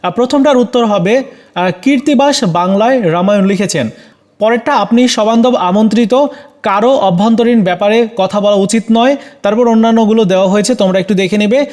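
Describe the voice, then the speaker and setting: A man as a teacher, methodically going over exam answers for students and pausing on frequent "ah" fillers. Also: high voice, darkish tone.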